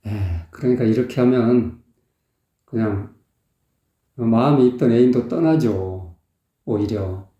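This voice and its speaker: Male vocal coach, very dark voice, explains and demonstrates, echoey lo-fi recording. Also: mid-range voice, slow pace, long pauses. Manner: explanatory, sings short phrases to demonstrate. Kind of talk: song analysis commentary. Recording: echoey, dull lo-fi sound.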